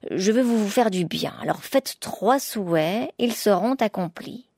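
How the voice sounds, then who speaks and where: Woman reading as a soft, slow, kindly fairy in a storybook tale. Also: mid-range voice, animated, no echo, studio quality, voice pushed up. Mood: gentle gracious. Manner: slow, gentle and patient. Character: calm, gracious young fairy woman.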